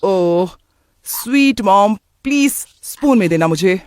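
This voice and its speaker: A man's voice: high voice, lively intonation, slow, clear, resonant tone, dry recording, clean studio sound. A man voicing a breezy, slangy young son in a cartoon. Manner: casual, dismissive, slangy. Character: young man, office worker, careless English-mixing son. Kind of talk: cartoon voice acting.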